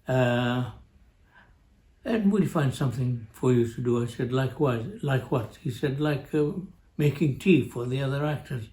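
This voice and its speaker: An older Jordanian father, a guest on a family show, tells a family story in a warm, mid-range voice with an Arabic accent. He speaks haltingly, with many pauses, uhs and restarts, chuckling at his own tale in casual family chat.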